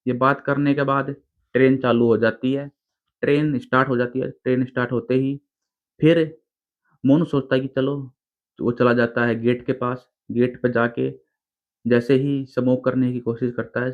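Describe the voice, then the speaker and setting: A man's voice: medium pitch, little pitch movement, normal speed. A man casually narrating a horror story in an informal, chatty way. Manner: informal, chatty retelling in plain speech. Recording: tinny phone-like recording.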